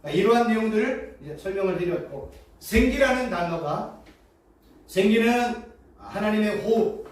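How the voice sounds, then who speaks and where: A woman's voice: mid-range voice, expressive, moderate pace. A woman seminary professor giving a preaching-style Bible lecture, quizzing her listeners with rhetorical questions and repeating key phrases for emphasis. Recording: very echoey room, mic far off.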